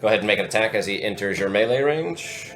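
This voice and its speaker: Low-voiced guy dm'ing a tabletop game, chill and matter-of-fact, music playing behind. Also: fast. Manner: relaxed, matter-of-fact rules talk. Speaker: game master. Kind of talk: running a tabletop game over voice chat.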